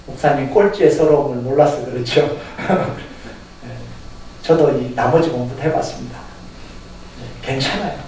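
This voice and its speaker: A male pastor preaching a Sunday sermon with animated delivery, chuckling and posing questions to the congregation in a church sanctuary. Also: medium pitch, moderate pace, a little hiss or hum. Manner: animated, talks straight to the congregation with rhetorical questions; chuckles through his points. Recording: echoey hall heard from a distance.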